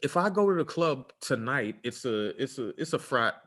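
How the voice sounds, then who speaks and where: A man's voice: medium pitch, animated, moderate pace, a bit bright. A man co-hosting a podcast, giving relationship advice in casual chat with a preachy, earnest manner and lots of fillers. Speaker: podcast co-host.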